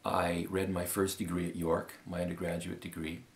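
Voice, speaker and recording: A Canadian man in his fifties giving a formal, measured appeal statement with many pauses and fillers. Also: sits low, level tone. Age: 50s. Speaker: law school applicant.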